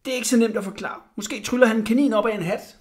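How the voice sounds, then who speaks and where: A man's voice: high-pitched, fairly even intonation, pitched above the performer's own voice, close to an everyday voice. A man doing a cocky village boy. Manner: matter-of-fact, a bit cocky.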